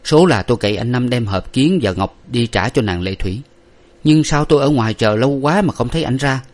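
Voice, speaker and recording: A man reading a story, voicing a young gentleman master who gives orders curtly. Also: mid-range voice, expressive, brisk, pitched above the performer's own voice, lightly acted. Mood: recounting. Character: young gentleman master, dazed but commanding.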